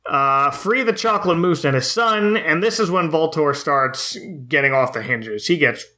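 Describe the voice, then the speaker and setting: A man's voice: a little high, expressive, moderate pace, pushed and bright. A man co-hosting a podcast, casually recapping a film in a wry, joking way. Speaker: podcast co-host.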